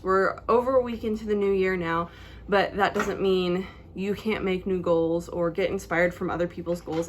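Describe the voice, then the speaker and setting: A woman's voice: medium pitch, slight background noise. A young woman talking to camera from her bedroom in a chatty, slightly scripted vlog, with her toddler heard in the background. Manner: chatty and apologetic, a bit scripted. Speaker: vlogger. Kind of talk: casual vlog talk to camera. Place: bedroom at home. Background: toddler noises in the background.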